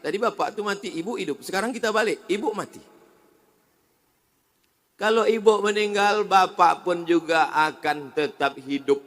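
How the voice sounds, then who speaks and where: A man, swinging between loud exhortation and soft joking asides. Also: high voice, moderate pace. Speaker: preacher. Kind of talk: sermon. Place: mosque. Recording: echoey hall reverb.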